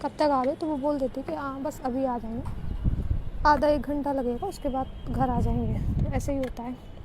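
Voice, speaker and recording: A woman's voice: high voice, steady tone, moderate pace, background noise. A woman casually retelling a love story in a chatty way, with lots of fillers and voiced bits of dialogue.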